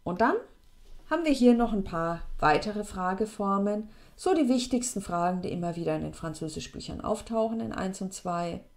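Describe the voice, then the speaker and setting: A woman, explaining French question forms to students in a lively, chatty way. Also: normal speed. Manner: lively, chatty, plays with pitch for emphasis. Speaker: French teacher.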